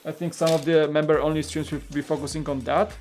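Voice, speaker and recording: Fast-talking and fairly high-pitched, this Polish host chats casually on a live stream and reads viewers' comments aloud in his Polish accent. He's relaxed and rambling, full of fillers and false starts, with faint music playing behind.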